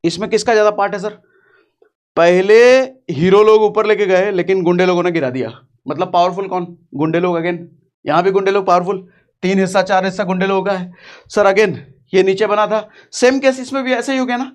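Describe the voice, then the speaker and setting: A man's voice: high voice, steady tone, a little fast. A man, teaching chart reading in a casual, rustic, joking way with lots of repetition. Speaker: trading teacher.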